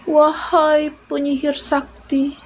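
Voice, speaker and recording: A woman's voice: high voice, monotone, takes it slowly, lo-fi sound, slight background noise, voice pushed up. A woman voicing a humble, pleading young climber. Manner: respectful, pleading. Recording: music playing underneath.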